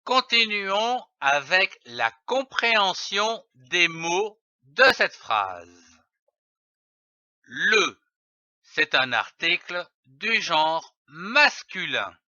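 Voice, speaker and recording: A man giving a slow reading lesson, spelling letters and syllables out one by one with careful pronunciation. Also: high voice, big pitch swings, sharp tone, no echo, dull audio. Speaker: reading teacher.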